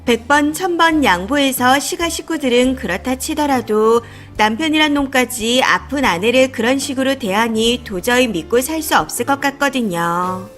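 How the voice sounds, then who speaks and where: A woman's voice: high voice, lively intonation, normal speed, hardly any pauses, a bit bright, soft background music. A woman narrating a reader's life story in the first person, in a confiding, indignant telling.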